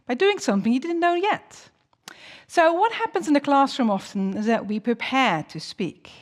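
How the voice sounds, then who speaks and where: A woman with a fairly high, very lively voice gives teaching tips as a non-native English speaker. She sounds like an encouraging teacher, often putting questions to the listener and letting her intonation swing widely. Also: normal speed. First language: not English. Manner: animated, encouraging, rhetorical questions.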